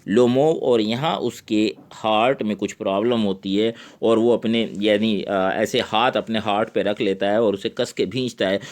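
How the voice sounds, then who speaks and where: A man with an Indian accent teaching a literature lesson, reading English lines slowly and explaining them in Hindi. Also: fairly low pitch.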